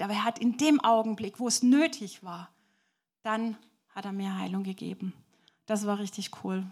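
A woman preacher telling a story to children in a lively way and asking the audience questions. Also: mid-range voice.

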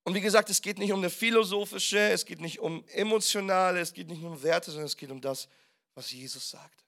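A man preaching a sermon as pastor, asking the congregation questions and stressing key words loudly. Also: high voice, a little fast, creaky. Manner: preaching with sudden loud emphasis and rhetorical questions.

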